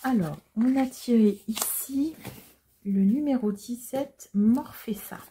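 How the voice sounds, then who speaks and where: Tarot reader, female, warm dark tone and slightly raised pitch, gentle and unhurried, pausing often as she explains. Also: a little hiss or hum. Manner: gentle, hesitant explaining with frequent pauses. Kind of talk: casual tarot reading to viewers.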